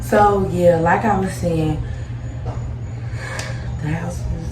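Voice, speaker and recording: A tipsy, giggly woman, a storytime vlogger, rambles through a story in a casual, sassy and blunt way, her voice on the low side, slow and fairly even in intonation. The distant mic picks up a roomy echo with loud music behind her.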